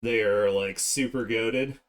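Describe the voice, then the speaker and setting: This man's voice sits on the low side, slow and with fairly even intonation. He's a streamer and digital artist chatting casually as he draws live, musing aloud and often drifting off mid-thought.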